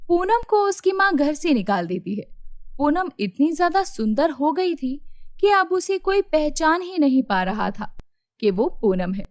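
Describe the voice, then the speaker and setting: A woman narrating a children's cartoon story in a steady storytelling way. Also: sits high, measured pace, no room sound, studio quality.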